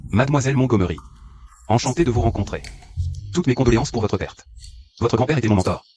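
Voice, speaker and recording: Guy doing a polite young ceo, courteous and measured, faint music behind. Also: mid-range voice, expressive, a little mellow, lightly acted. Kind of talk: French dub of a short drama.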